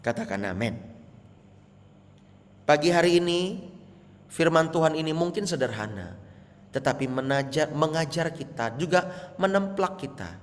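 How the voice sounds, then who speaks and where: A male pastor preaching a sermon, swinging from soft, low asides to loud, high exhortations. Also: lively intonation, measured pace, long pauses, big-room sound. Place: church hall, over an online meeting.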